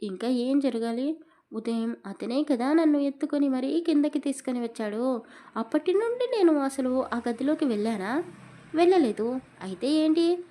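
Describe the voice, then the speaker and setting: A woman's voice: mid-range voice, normal speed, warm tone, lightly acted. A woman voicing a childlike, pouting young pregnant wife in an audio story. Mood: sulky. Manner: pouting, sulky complaining.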